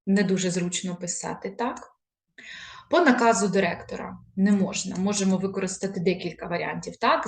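Woman teaching grammar in echoey room. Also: medium pitch. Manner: clear, explanatory teacher cadence. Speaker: Ukrainian language tutor. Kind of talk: online grammar lesson.

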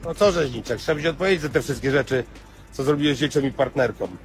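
A man's voice: mid-range voice, quick pace, faint music behind. A man in his thirties rambling in a mock-confused, singsong way into a phone held at arm's length outdoors. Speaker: social media personality. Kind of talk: clowning selfie video. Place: outdoors by a city waterfront.

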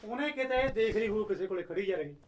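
A man's voice: sits high, expressive, fast, slight background noise. A middle-aged man playing a father who coaxes and consoles his daughter. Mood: consoling. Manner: coaxing and consoling. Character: soothing village father, gruff then tender. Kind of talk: Punjabi short film acting.

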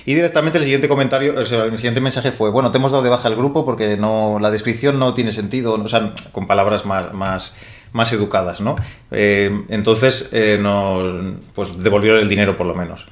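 In casual live-stream chat, a young board game channel host talks into a desk microphone on a small studio set, sweating heavily. His fairly low, steady voice is brisk and reverberant, punctuated by many restarts and self-corrections.

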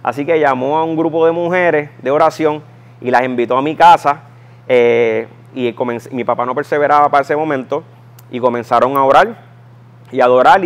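A man in his thirties with a Puerto Rican Spanish accent, telling his personal conversion story in an emphatic, storytelling way. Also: mid-range voice. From Puerto Rico. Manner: storytelling, emphatic, acts out voices in quotes. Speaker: guest giving a testimony.

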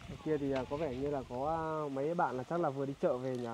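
A man doing a casual on-location interview in a rural village, speaking haltingly with many filler sounds. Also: medium pitch, steady tone, background noise. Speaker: vlogger visiting a poor family.

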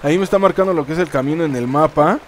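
Talking very fast in a slightly high voice, a Mexican-accented YouTuber swears freely while addressing viewers directly during a casual let's-play. A little hiss or hum sits under the audio.

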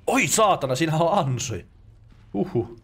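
A man from Finland giving casual let's play commentary, excitable and swearing, with yelps and laughs at the game. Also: on the high side, breathy edge.

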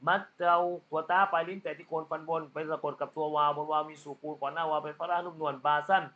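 A man with a fairly high voice explains pronunciation rules patiently, one letter at a time, with lots of polite particles. The recording is muffled and lo-fi. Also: fairly even intonation, quick pace. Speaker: Quran recitation teacher.

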